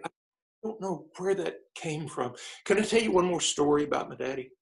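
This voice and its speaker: A male preacher telling stories in conversation, halting and often repeating his words. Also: on the high side, lively intonation, vocal fry. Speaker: preacher guest. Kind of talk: conversational storytelling.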